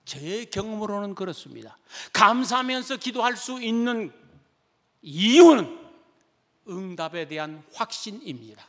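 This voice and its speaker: A male pastor delivers a dramatic sermon with an unusually high voice, dropping low and then climbing to loud, fervent peaks. A long reverb from the church sanctuary follows every phrase. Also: sing-song, measured pace. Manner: dramatic preaching, swinging between soft and loud.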